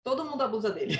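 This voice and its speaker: A woman's voice: medium pitch, roomy sound, a little hiss or hum. A woman from Brazil, an educator telling a school story in a training talk and acting out the dialogue. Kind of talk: online teacher training talk.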